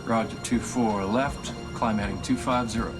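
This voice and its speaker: An actor playing a calm, professional airline first officer, speaking in clipped radio phrasing over a cockpit headset. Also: male voice, on the low side, normal speed. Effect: pilot speaking over a cockpit headset radio. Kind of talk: documentary reenactment. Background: loud dramatic music.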